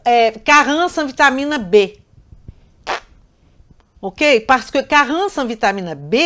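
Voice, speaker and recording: A woman's voice: on the high side, a bit bright. A woman with a foreign accent teaching a live online nutrition class. She talks emphatically, repeats words and corrects herself, and answers chat questions directly. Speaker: nutrition trainer.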